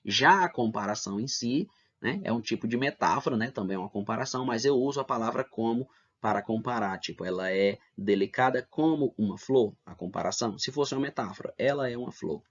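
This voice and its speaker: A man's voice: medium pitch, animated, a little fast, breathy edge. A man teaching an online lesson, explaining step by step and checking in with "né?" and "tá bom?". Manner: explains step by step, asks rhetorical questions, adds "né?" and "tá bom?". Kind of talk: online lesson for middle school. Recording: dull lo-fi lesson recording.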